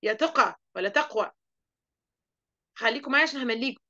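A woman with an Egyptian accent teaching an online lesson to young children, lively and asking the class questions she then answers. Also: a little high, fast talker, dull audio. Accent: Egyptian Arabic. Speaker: primary school teacher.

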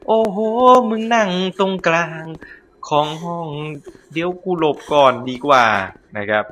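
Brief: man, gameplay host, comic horror-game commentary, bright voice, rowdy and crude, faint noise behind. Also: a little high, very animated, unhurried. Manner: loud, jokey, swears a lot, talks to the game characters.

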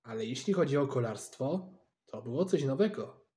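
A man reading a children's storybook aloud in a lively, expressive way, narrating in a child's first person. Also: mid-range voice, normal speed.

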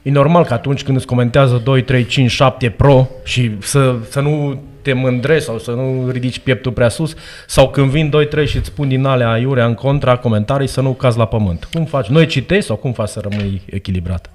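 A man's voice: mid-range voice, few pauses, darkish tone. A man with a Romanian accent co-hosting a podcast, asking long, careful questions in a casual chat. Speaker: podcast co-host.

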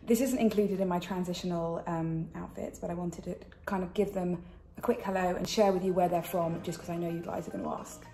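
A woman's voice: lowish voice, fairly even intonation, a little fast, warm tone. British woman wearing retainers, echoey room. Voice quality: slight impediment from wearing dental retainers. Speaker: fashion channel host. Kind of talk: chatty styling vlog. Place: indoors in a kitchen. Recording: roomy kitchen echo.

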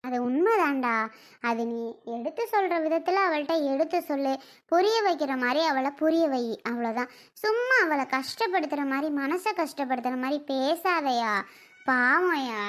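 A woman playing an older mother-in-law and grandmother who talks slowly and coaxingly. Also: high-pitched, lively intonation. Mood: advising. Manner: slow, soft, coaxing talk. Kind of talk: family skit acting.

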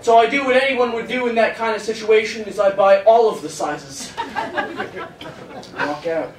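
Captured from the audience with distant, roomy club sound and some noise, this clip has a high-pitched eighteen-year-old man performing stand-up. He talks at normal speed into a handheld stage mic, playing an awkward, self-deprecating storyteller.

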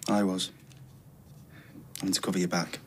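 An actor playing a reproachful friend in a British TV soap. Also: male voice, low-pitched, little pitch movement, unhurried, a little hiss or hum. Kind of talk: naturalistic British TV soap acting.

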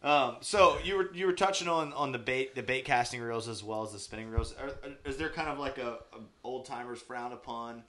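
A man's voice: mid-range voice, a little fast, few pauses, sharp tone. A man in his thirties co-hosting a video-call show, asking plain questions. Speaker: co-host. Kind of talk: casual video-call interview.

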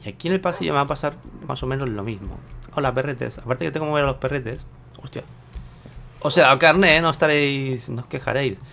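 Gravelly man thinking aloud. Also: medium pitch, fairly bright tone, slight background noise. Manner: chatty, unsure, thinking aloud to viewers. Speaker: gameplay video host. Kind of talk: casual gameplay commentary.

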